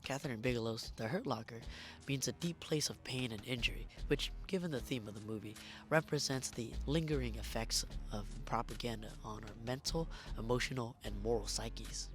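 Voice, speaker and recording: A man reading a scripted video essay in a hoarse, strained voice that is giving out as he narrates. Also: medium pitch, normal speed. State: hoarse, losing his voice. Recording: music behind the voice. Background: background music.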